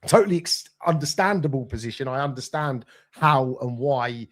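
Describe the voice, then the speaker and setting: A man's voice: medium pitch, lively intonation, moderate pace. A man with a mid-range voice co-hosts a live business Q&A. He answers in a friendly, reassuring, conversational way. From United Kingdom. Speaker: podcast co-host.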